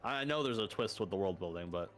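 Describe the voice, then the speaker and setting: Low-voiced joking male streamer. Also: animated, quick pace, fairly bright tone. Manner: joking, sarcastic banter. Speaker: streamer host. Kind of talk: casual gameplay chat.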